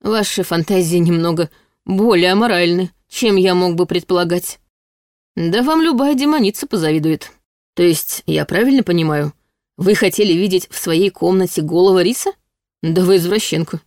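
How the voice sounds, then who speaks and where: A woman's voice: lowish voice, normal speed, a little mellow, no echo, studio quality, close to an everyday voice. Woman reading Kenna, a smug teasing demon. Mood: mocking. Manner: mock-sweet, drawling teasing delivery. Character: smug teasing male demon, mocking and lewd.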